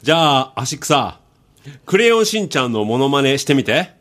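A man doing comedic banter with an AI assistant, firing off rough, exasperated retorts. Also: medium pitch, sing-song, normal speed, fairly bright tone.

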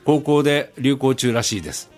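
A man's voice: medium pitch, moderate pace, darkish tone, soft background music. A man hosting a casual radio show, reading out listener emails with a playful, chuckling manner.

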